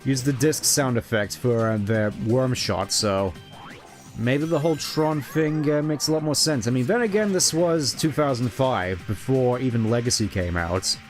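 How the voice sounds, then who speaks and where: A man's voice: mid-range voice, animated, normal speed. A man giving casual live game commentary as a streamer, musing and rambling wryly. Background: game music.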